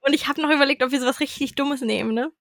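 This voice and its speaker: A woman's voice: sits high, very fast, a bit bright, no room sound, studio quality. A woman co-hosting a podcast, chatting playfully and mocking herself while playing a guessing game. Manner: playful, giggly, self-mocking. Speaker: podcast co-host.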